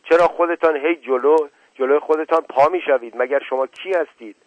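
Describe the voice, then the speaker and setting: A man's voice: medium pitch, dry recording, highs cut off, lightly acted. A man voicing a proud, hot-tempered young man who protests and defends himself. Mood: indignant. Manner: indignant, protesting.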